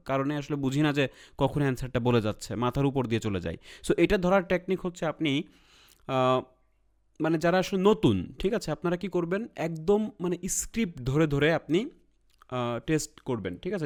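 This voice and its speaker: A man's voice: fairly high pitch, darkish tone. A man with a Bangladeshi Bengali accent teaching an IELTS listening lesson, checking in often with his viewers and mixing English terms into his talk. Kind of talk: explanatory lesson.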